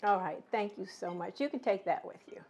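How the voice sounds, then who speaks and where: A woman's voice: mid-range voice, a little fast, a little mellow, slight background noise. A middle-aged woman hosting a casual cooking demonstration, chatty and teasing with her family. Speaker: cooking show host.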